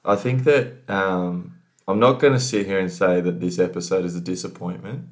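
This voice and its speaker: A man co-hosting a podcast, bantering in a jokey, animated way and laughing often. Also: low-pitched, normal speed. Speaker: podcast co-host. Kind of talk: casual banter.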